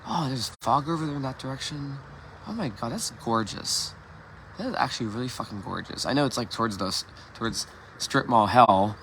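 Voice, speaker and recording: A man's voice: mid-range voice, expressive, brisk, noisy background. A man hosting a livestream from his yard before dawn, rambling candidly with frequent swearing and restarts, recorded on a phone. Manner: candid, profane, meandering with many restarts. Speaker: livestream host. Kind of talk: casual rambling monologue.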